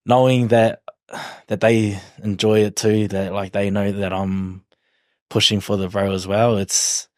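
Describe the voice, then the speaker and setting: A man's voice: fairly low pitch, flat delivery, measured pace, darkish tone, dry recording, studio quality. A man in his twenties with a broad New Zealand accent, chatting casually in an interview in a laid-back, slangy, hesitant way. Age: 20s. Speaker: rugby league player, podcast guest.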